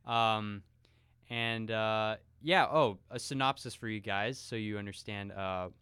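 A man co-hosting a film podcast, talking in a relaxed, conversational way. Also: on the low side, unhurried, smooth, dry recording, clean studio sound. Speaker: podcast co-host. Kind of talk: casual film podcast chat.

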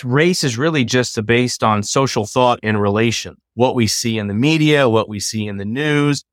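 A middle-aged man, a law professor, explaining ideas in a measured, lecturing way during a conversation. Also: medium pitch, no echo, clean studio sound.

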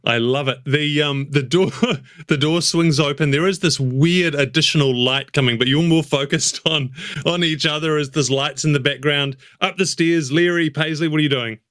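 A man narrating as game master of a tabletop game, measured and descriptive. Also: a little high, a bit bright, no room sound, studio quality.

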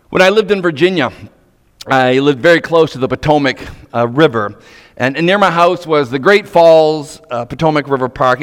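A male preacher speaks in a large, reverberant hall. His voice sits fairly high and swings widely in pitch as he delivers his sermon. He drops to hushed, pointed questions and rises to emphatic warnings. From Nova Scotia, Canada. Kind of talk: sermon to men, storytelling with pointed rhetorical questions.

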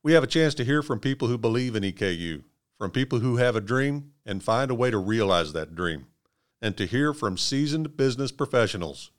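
A man from Kentucky hosting a scripted interview podcast in a measured, encouraging way. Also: mid-range voice, lively intonation. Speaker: podcast host.

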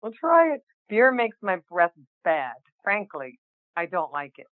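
A woman's voice: mid-range voice, big pitch swings, measured pace, no room sound. Woman on a tinny phone line. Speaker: writing group participant. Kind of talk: reading own humorous piece. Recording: thin phone-line sound.

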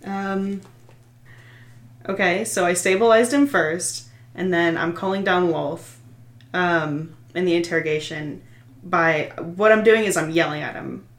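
Woman tabletop player, lowish voice, rambling and giggly, roomy echo. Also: a little slow. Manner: laughing, rambling explanations. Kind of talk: casual tabletop play.

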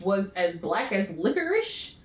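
A woman's voice: medium pitch, very animated, measured pace, far from the mic. A woman in her thirties co-hosting a podcast, chatting casually and giving blunt, profane advice to listeners. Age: 30s. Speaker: podcast co-host. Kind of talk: casual chat. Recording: roomy echo.

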